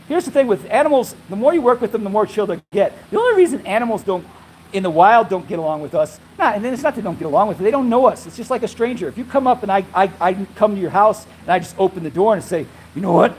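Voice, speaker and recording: A man's voice: high voice, slight background noise, poor audio. A man streaming live from an alligator farm on his phone, chatting casually, rambling and restarting his sentences, out of breath. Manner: rambling, repeats himself, restarts often. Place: outdoors at an animal farm.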